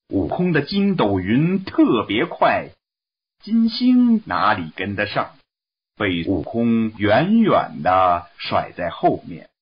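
A man reading a classic story aloud in slow, expressive narration. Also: lowish voice, slightly rough. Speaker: story reader. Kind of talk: Chinese storybook read-aloud. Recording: dull lo-fi recording.

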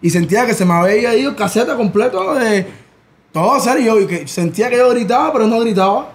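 Fast-talking Cuban man telling stories. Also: high-pitched. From Cuba. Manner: animated, rapid storytelling. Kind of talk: casual storytelling.

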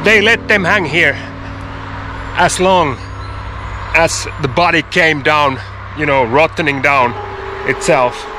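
A hiking vlogger, a man with a fairly high pitch, talks slowly to a handheld camera held at arm's length outdoors in woods by a road and railway. He tells stories conversationally with fillers and spooky asides, and music plays in the background.

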